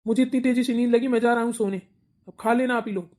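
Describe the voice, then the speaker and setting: A woman's voice: fairly high pitch, fairly even intonation, fast talker, a little mellow, voice pushed down, close to an everyday voice. A woman voicing a sleepy, hungry adult son who whines and complains in a cartoon. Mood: whiny. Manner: whiny, complaining. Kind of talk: cartoon voice acting.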